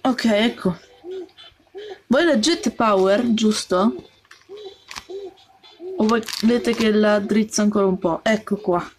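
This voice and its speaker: A woman's voice: medium pitch, slow pace, pauses often, a little hiss or hum. A woman doing let's play commentary, jumpy and full of yelps, talking to her game character and her viewers. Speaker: gaming channel host.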